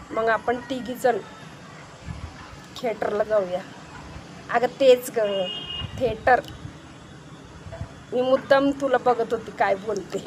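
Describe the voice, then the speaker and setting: A woman's voice: a little high, background noise. A woman doing a one-sided comic monologue to visiting friends, chatty, teasing and bossy, while she washes dishes outdoors by her home. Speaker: comedy video creator.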